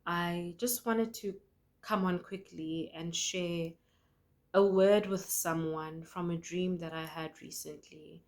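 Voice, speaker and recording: A woman's voice: on the low side, fairly even intonation, slow pace. Earnest woman sharing a prophetic dream. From South Africa. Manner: earnest, conversational, with frequent fillers and restarts.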